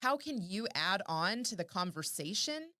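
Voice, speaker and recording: A woman guests on a podcast and coaches the listener, stacking up question after question to make her point. Her pitch is a plain middle register. The sound is dry and close, with no room around it. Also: sing-song, normal speed, bright, forceful tone, no echo. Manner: coaching, fires off strings of rhetorical questions. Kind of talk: casual podcast chat.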